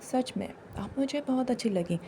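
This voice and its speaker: A woman's voice: fairly high pitch, expressive, normal speed, dark tone, a little hiss or hum. A woman voicing an earnest, lovestruck young man who keeps pleading his feelings in a dramatized story reading. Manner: earnest, repeats his confession insistently.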